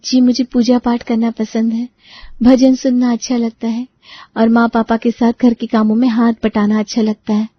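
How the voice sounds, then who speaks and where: A woman's voice: a little high, flat delivery, moderate pace, no echo, highs cut off, pitched above the performer's own voice, lightly acted. A woman voicing a shy, traditional young woman who answers meekly and politely. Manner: meek, polite.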